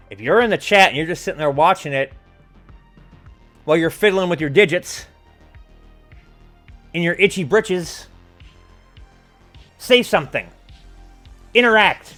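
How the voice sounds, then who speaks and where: A man's voice: high voice, expressive, normal speed, long pauses, fairly bright tone, soft background music. A man in his forties delivering an impassioned monologue as a livestream host, blunt and sweary, leaning hard on key words. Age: 40s. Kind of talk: impassioned monologue to an online audience.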